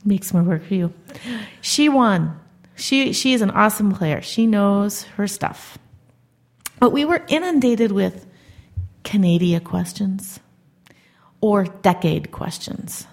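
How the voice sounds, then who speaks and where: A chatty woman co-hosting a podcast, talking in a rambling, upbeat way. Her voice sits at an ordinary middle pitch for a woman. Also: animated, slow pace. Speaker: podcast co-host. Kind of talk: casual chat.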